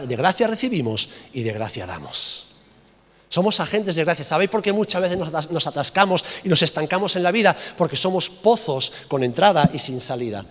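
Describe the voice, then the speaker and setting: A man preaching a sermon with passion, repeating phrases and dropping to soft emphasis. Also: a little high, big-room sound. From Spain. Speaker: pastor.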